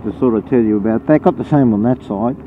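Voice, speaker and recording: A fast-talking Australian man of medium pitch keeps up a casual, blunt, rambling commentary while riding, a motorcycle vlogger recorded inside his helmet. The sound is muffled and narrow-band, with engine, wind and road noise loud in the background.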